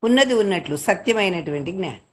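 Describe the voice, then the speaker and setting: A woman's voice: mid-range voice, animated, fast talker. A woman in a teaching discussion, earnestly putting practical objections to her teacher. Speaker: student in discussion. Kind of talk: casual discussion.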